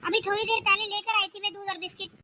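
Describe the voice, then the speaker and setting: A woman playing a bossy, irritated sister-in-law who scolds in a sharp, sarcastic way in a family comedy skit. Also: extremely high pitch, fairly even intonation, quick pace, background noise. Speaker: husband's sister.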